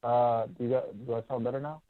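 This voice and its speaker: A man calling in to a show, his voice muffled as if through a wall, halting and repeating words. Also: medium pitch, steady tone, no room sound. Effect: muffled phone line, as if through a wall. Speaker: caller. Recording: muffled tinny phone line.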